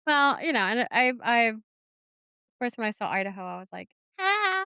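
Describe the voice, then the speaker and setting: A woman's voice: on the high side, brisk, vocal fry, sharp tone, clear, resonant tone, dry recording, highs cut off. A woman co-hosting a casual podcast, rambling with many fillers and restarts and giggling asides. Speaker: podcast co-host. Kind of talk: casual chat.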